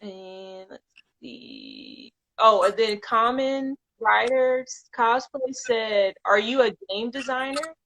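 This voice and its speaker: A woman hosting a live podcast, reading out viewer comments in a relaxed way and laughing often. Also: on the high side, takes it slowly, vocal fry, rough recording. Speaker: podcast host.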